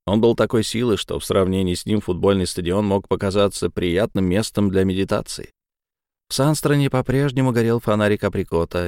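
A man narrating a first-person novel as an audiobook, in a measured, dramatic reading. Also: fairly low pitch, a little mellow, clean tone, dry recording, studio quality.

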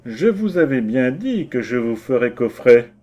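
A man's voice: mid-range voice, sing-song, unhurried, mellow, muffled recording. A man voicing a stern, pompous village mayor in a storybook reading, giving curt, indignant orders.

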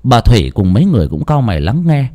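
A man's voice: mid-range voice, sing-song, fast talker, darkish tone. A man narrating a ghost story in a dramatic, suspenseful way.

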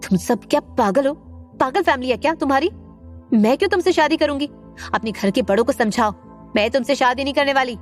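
A woman voicing a hot-tempered young woman who speaks in a sharp, loud, indignant way. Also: mid-range voice, animated, quick pace, soft background music, close to an everyday voice. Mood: furious.

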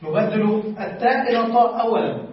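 A man's voice: high-pitched, fairly quick. A male teacher giving a classroom grammar lesson, patiently quizzing his students and repeating their answers. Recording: echoey room, distant dull mic.

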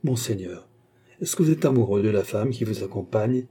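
A man's voice: fairly low pitch, expressive, moderate pace, warm tone, slightly rough. A man reading the part of a mysterious, haughty masked nobleman who speaks with guarded authority.

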